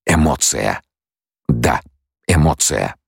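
Very deep, gravelly audiobook narrator man. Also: animated, slow, no echo, studio quality.

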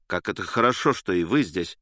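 A man voicing an excitable, earnest young man who keeps pleading his innocence in a storybook reading. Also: sits low, fairly quick, dry recording, clean studio sound. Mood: excited pleading. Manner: eager, breathless protesting.

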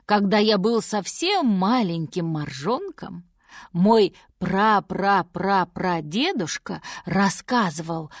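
Woman as a slow, grumbling old walrus from an audiobook tale, a dry close voice. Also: medium pitch, no room sound. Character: grumpy old male walrus, hard of hearing.

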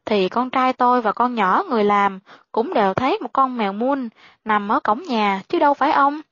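Woman voicing a frightened, sharp-tongued widow. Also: fairly high pitch, moderate pace, no echo, highs cut off. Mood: guarded.

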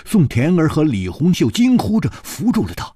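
A man narrating a martial-arts novel as a radio storyteller, with a dramatic, highly varied delivery. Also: wildly swooping pitch, normal speed, warm tone, slightly rough, no room sound, studio quality.

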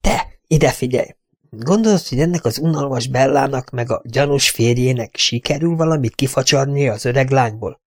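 A male audiobook narrator voicing a scornful, bitter young woman, raising his pitch for her mocking lines. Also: no echo, clean studio sound, lightly acted. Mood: scheming.

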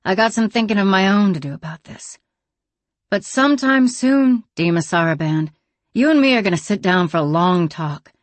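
A woman's voice: mid-range voice, animated, normal speed, no echo, close to an everyday voice. A woman reading an audiobook, voicing a blunt, plainspoken frontier woman. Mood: tense. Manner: terse and plainspoken.

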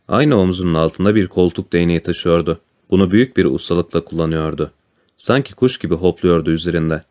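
A man reading a classic adventure story aloud as a narrator, in a calm, even storytelling manner. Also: deep voice. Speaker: audiobook narrator. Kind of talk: storybook narration with voiced dialogue.

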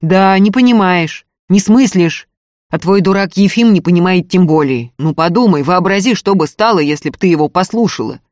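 A stern, earnest male doctor, voiced by a woman reader, firm and insistent as he presses his point. He sounds louder and a little higher than the plain narration, and the dry close recording keeps him right at the ear. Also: expressive, unhurried, dry recording.

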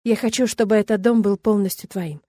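A woman reading the lines of an excited, loving husband in an audiobook, in close to her own voice. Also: medium pitch, brisk, no room sound, lightly acted. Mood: earnest. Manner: warm, emphatic, excited.

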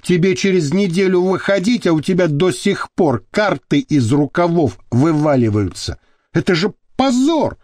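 A man's voice: sits high, sing-song, normal speed, darkish tone, no echo, clean studio sound, pitched above the performer's own voice. A man voicing an impatient male cellmate who scolds his student in exasperation. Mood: scolding.

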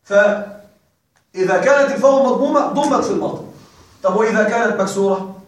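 High-voiced man teaching in an echoey classroom. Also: fairly quick. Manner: call-and-response drilling, prompts students to finish words. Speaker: grammar teacher. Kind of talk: classroom grammar lecture. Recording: very echoey room, voice far from mic.

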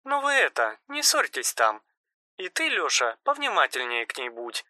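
A man putting on a soft, fussing mother. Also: a little high, wildly swooping pitch, moderate pace, dry recording, studio quality, heavily acted. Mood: fond, fussing. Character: caring, chatty middle-aged mother on phone. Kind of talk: audiobook narration.

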